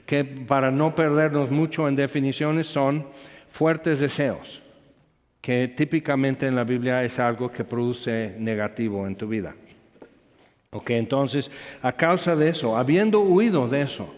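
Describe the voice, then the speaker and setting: A man's voice: mid-range voice, measured pace, long reverb tail. A man preaching a sermon, telling a personal story full of asides and questions to the congregation.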